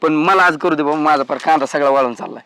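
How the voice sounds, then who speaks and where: A man's voice: on the high side, quick pace, bright, forceful tone, clean tone, dry recording. A man playing an aggrieved older brother, a farmer, in a village family drama. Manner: aggrieved, complaining.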